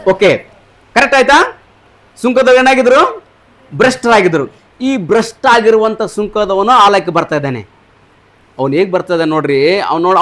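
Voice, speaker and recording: A pastor preaching in a church, quizzing the congregation and repeating their answers, with frequent hallelujahs. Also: male voice, high voice, fairly bright tone. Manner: punctuates points with hallelujah. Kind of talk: sermon. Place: church service.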